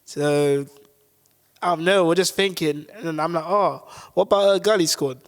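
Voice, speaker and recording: A man's voice: on the high side, moderate pace. A man telling a loose story as a guest, giggling and quoting his friends. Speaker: crew member guest. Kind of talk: casual storytelling. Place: small DIY studio.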